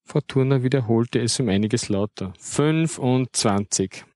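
A man narrating a children's story in a calm, even storytelling manner. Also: medium pitch, a little slow, no echo, studio quality.

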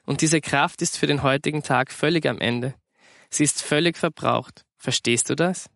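A man's voice: on the high side, moderate pace, gravelly, a bit bright, no echo. A man voicing a tired working mother who speaks dryly and wearily in a storybook reading. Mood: exasperated. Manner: dry, weary.

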